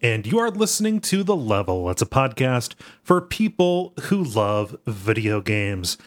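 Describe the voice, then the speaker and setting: A man's voice: mid-range voice, measured pace. A man hosting a podcast in casual, joking chat, often stumbling and repeating words, with a cavern-like echo from an untreated room. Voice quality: echoey, cavern-like room sound. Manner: joking, animated, stammering repetitions. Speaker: podcast host. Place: freshly painted room without soundproofing.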